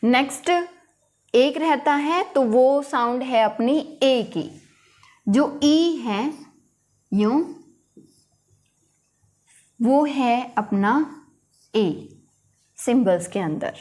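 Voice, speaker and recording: Brief: woman teacher, fairly high voice, slow and patient, explains step by step while writing. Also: a little mellow. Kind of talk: phonetics lesson at a board.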